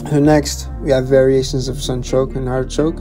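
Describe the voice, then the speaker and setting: A young man, a chef and vlogger, casually talking through a restaurant tasting menu with excited repetition and restarts. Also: mid-range voice, moderate pace, music in the background. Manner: enthusiastic, repeats words, restarts.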